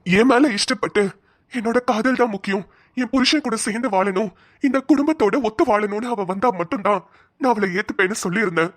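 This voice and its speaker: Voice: mid-range voice, fairly quick, dry recording, studio quality, close to an everyday voice. A voice actor playing an earnest, principled young husband in a cartoon, speaking colloquial Tamil Nadu Tamil. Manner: earnest, questioning, firm.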